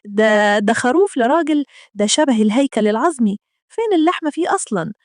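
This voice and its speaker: A woman's voice: a little high, expressive, fast, dry recording, studio quality, lightly acted. A woman voicing a middle-aged Egyptian mother who scolds her husband and patiently explains things to her children, with an Egyptian accent. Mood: exasperated. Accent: Egyptian Arabic.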